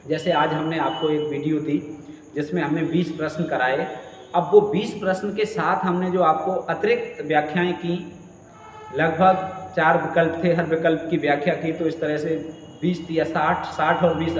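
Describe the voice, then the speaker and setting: A man's voice: fairly high pitch, distant mic, slight background noise. A man teaching in an earnest, repetitive way, giving study advice to exam students. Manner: earnest, repeats key points for emphasis. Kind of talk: motivational study advice talk. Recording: echoey room with long reverb, faint ambience.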